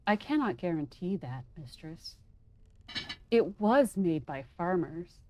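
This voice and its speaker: A woman voicing a stiff robot servant in a flat, mechanical monotone while reading game dialogue aloud. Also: fairly low pitch, slow. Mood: deadpan.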